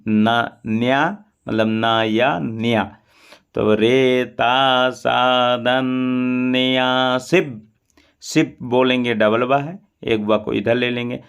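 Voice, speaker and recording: Guy teaching sanskrit chanting, super slow, drawn out syllables, smooth resonant voice. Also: medium pitch. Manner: slow, drawn-out chanting of each syllable between quicker explanations. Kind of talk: mantra pronunciation lesson.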